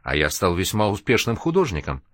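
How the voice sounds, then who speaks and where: A man's voice: low-pitched, huge pitch swings, fairly quick, a bit bright, no room sound, clean studio sound, full character voice. A man reading an audiobook, voicing a complaining, resentful young male artist. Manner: whiny, complaining.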